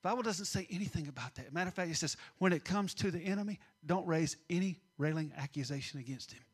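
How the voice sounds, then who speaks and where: A middle-aged man preaching a sermon, swinging between loud emphasis and hushed asides. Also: a little high, fast talker, husky. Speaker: pastor.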